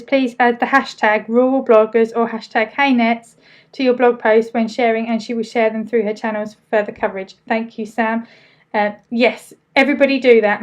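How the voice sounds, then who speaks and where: A woman with a fairly high voice and an Essex accent leads a live online training. She talks in an informal, chatty way, taking questions as they come and answering them casually, with words a little loosely pronounced. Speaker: business trainer hosting a live Q&A.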